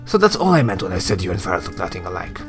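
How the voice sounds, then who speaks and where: A man's voice: low-pitched, big pitch swings, rapid-fire, soft background music, voice pushed down. A man reading as a blunt scarred immortal. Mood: earnest.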